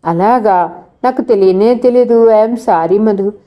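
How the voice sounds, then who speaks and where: A woman's voice: mid-range voice, a little slow, highs cut off, lightly acted. A woman voicing a brooding, lovesick young female student who answers curtly. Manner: curt, brooding.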